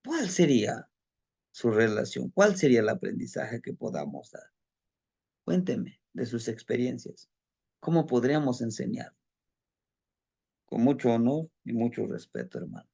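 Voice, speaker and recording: Slow gravelly-voiced man teaching. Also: mid-range voice, sing-song, warm tone. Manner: storytelling, acting out a student's account; addresses listeners as brothers, asks rhetorical questions. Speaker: teacher of Nahua tradition. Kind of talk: spoken teaching to a group.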